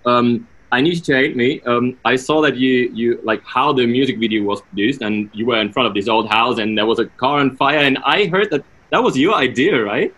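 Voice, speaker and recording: A man interviewing a guest over a video call, a German native speaker asking halting questions full of fillers. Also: mid-range voice, a bit bright, low-quality recording. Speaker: radio interviewer.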